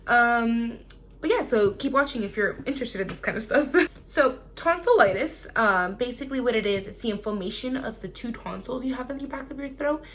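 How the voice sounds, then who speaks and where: A young woman speaks in a fairly high voice, chatting casually as a vlogger. She talks to viewers like friends, recounting personal experiences in an animated, conversational way. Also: fairly quick, a little hiss or hum. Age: young adult. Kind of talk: casual chat to camera, personal Q&A.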